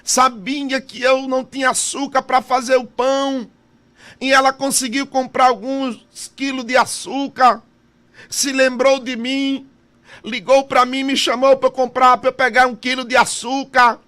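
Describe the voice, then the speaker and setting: A man acting out a devout church brother in a retold testimony. He speaks quietly and plainly in a high voice with a bright, forceful edge. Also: little pitch movement, unhurried, exaggerated voice. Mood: earnest.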